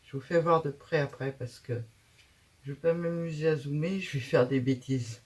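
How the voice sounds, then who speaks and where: A woman's voice: sits low, normal speed, darkish tone. A woman hosting a casual craft tutorial, chatting and thinking aloud as she works, with frequent hesitations.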